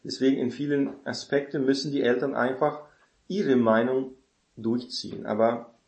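A man speaks in an informal advice talk, addressing his listeners directly. He keeps tacking a questioning "ne?" onto his points and asks whether they follow. The voice is mid-pitched and rings in a roomy echo. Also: steady tone, moderate pace, a little mellow. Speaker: speaker giving parenting advice.

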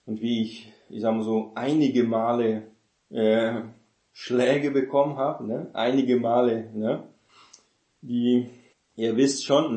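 A man with a dark, medium-pitched voice gives an informal sermon on parenting, and the sound is roomy. The preacher rambles, corrects himself, searches for words, and tags his sentences with "ne?".

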